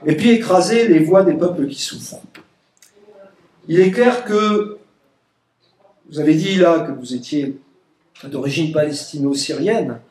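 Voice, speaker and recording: A man of Egyptian origin speaks a little slowly with frequent pauses, his voice slightly high and darkish, with some background noise. In a reverberant meeting room he gives an emphatic, sarcastic political speech, mocking opponents by quoting them in parody voices.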